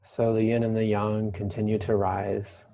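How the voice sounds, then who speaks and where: Low, creaky man guiding a mystical meditation. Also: flat delivery, moderate pace, dark tone. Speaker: guided meditation leader. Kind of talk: guided meditation.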